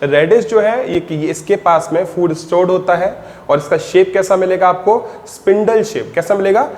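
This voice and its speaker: Higher-pitched man lecturing in a reverberant room. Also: darkish tone. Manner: repeats key terms as questions to the class, answers himself; slows down to dictate English definitions. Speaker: biology teacher. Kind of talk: classroom lecture in Hindi-English mix. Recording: long reverb, faint background noise.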